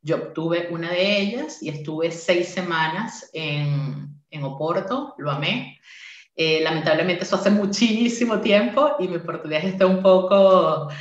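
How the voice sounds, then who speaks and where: A Spanish-speaking university English teacher in her forties gives a friendly, interactive online conference talk to a workshop, often filling pauses with "eh." Her voice sits on the low side and moves unhurriedly. The room echoes and the high frequencies are cut off.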